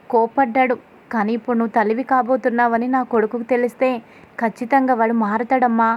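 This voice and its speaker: A warm-hearted middle-aged mother-in-law comforting a young woman in a gentle, coaxing tone, as a woman storyteller voices her. Her voice is a little high. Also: muffled recording, lightly acted.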